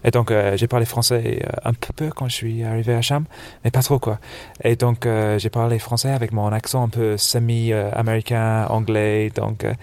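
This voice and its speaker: A man in his forties from England, speaking with an English accent, chatting casually as a podcast guest, relaxed, with lots of fillers. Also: medium pitch, normal speed, hardly any pauses, no echo. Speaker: snowboard shop buyer, podcast guest. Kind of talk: casual interview chat. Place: dark corner of a trade fair hall, on a sofa.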